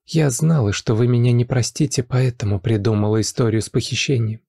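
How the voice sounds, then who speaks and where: A man voicing a young nanny who pleads tearfully and rushes her confession, in a dark, dry voice. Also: mid-range voice, vocal fry, no echo. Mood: pleading.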